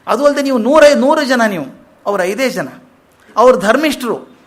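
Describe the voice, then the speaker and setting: A man's voice: very high-pitched, lively intonation, moderate pace, pitched above the performer's own voice. A man voicing the old sage Vyasa, who earnestly pleads with his son in a fatherly way. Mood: pleading.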